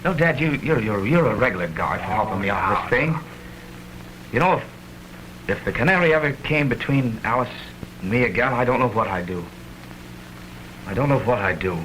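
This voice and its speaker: A man's voice: mid-range voice, lively intonation, fairly quick, pauses often, a bit bright, lightly acted. Boyish young son played by a man, early talkie style: earnest, swooping intonation, hissy vintage film sound. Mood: emotional. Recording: crackly, humming 1929 film soundtrack.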